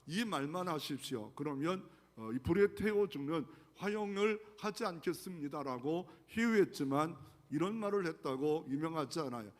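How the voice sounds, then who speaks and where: A man's voice: on the high side, expressive, moderate pace, hardly any pauses. A man pastor delivering an earnest sermon, asking the congregation rhetorical questions. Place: large church sanctuary. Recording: long church hall reverb.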